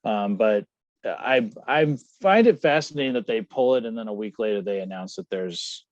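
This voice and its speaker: Rambling low-voiced man on a muffled line. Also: expressive, normal speed, dry recording. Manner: rambling, self-correcting, speculative. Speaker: guest. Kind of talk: casual podcast chat. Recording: dull dry lo-fi sound.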